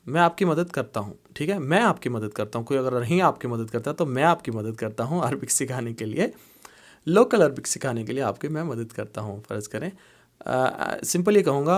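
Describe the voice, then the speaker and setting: A man's voice: mid-range voice, animated. A man teaching spoken Arabic phrases, explaining them in Urdu and repeating each phrase several times at a patient pace. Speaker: language teacher.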